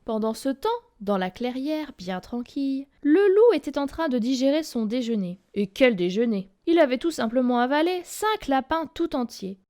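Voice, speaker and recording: Woman, storyteller, children's tale read aloud, lively, expressive, high voice. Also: moderate pace, hardly any pauses.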